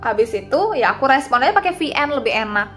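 A woman's voice: sits high, very animated, fast talker, fairly bright tone. Chatty young woman sharing advice, music beneath. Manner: chatty and confiding, addresses viewers directly. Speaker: vlogger giving advice. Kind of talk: casual talking-head advice.

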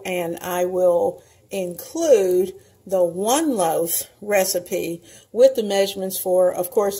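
A woman's voice: fairly low pitch, dark tone, breathy edge, low-quality recording. A woman hosting a home cooking video, chatting casually and talking viewers through each step as she cooks in her kitchen.

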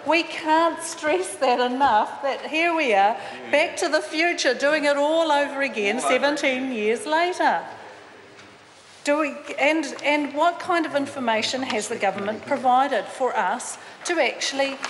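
A middle-aged woman, an opposition member of parliament, gives an indignant debate speech into a desk microphone in a large wood-panelled chamber. Her voice is high-pitched and unhurried, full of fillers and restarts. The recording is reverberant, with faint ambience and a little hiss or hum.

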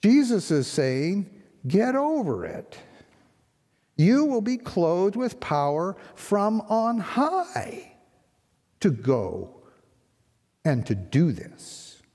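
An older man serving as interim pastor preaches from a lectern in a large church sanctuary, speaking very slowly with long pauses. His tone is conversational, full of rhetorical questions and lively swings in pitch, and the recording carries the long hall reverb of the church.

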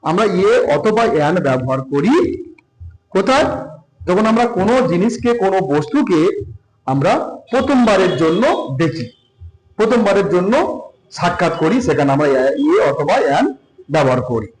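A man teaching a grammar lesson, reading English rules slowly and then explaining them with rising emphasis. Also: high-pitched, very animated. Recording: echoey room.

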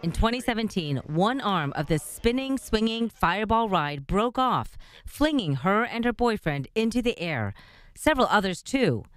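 A woman reporting a news story, then chatting with anchors in a TV studio, with a steady, earnest delivery. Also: mid-range voice, moderate pace.

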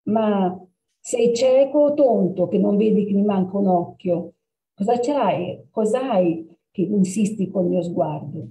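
A woman's voice: medium pitch, slow pace, dark tone, reverberant, poor audio. A woman voicing an impatient young girl who keeps pleading and insisting, in a spoken storybook reading. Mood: eager.

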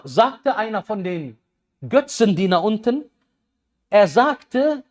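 A man in his thirties giving a lively sermon on a headset mic, swinging between loud bursts and quiet asides. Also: high voice. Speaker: preacher.

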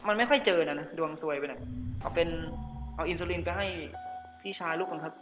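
A man's voice: a little high, a little fast, over music. A man chatting casually as he plays a game, rambling and correcting himself mid-sentence. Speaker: gaming streamer. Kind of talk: casual gameplay commentary.

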